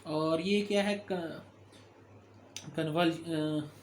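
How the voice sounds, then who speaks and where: A man's voice: a little high, fairly even intonation, drawn-out words, a little hiss or hum. A man giving a recorded medical lecture, explaining step by step with frequent fillers and self-corrections.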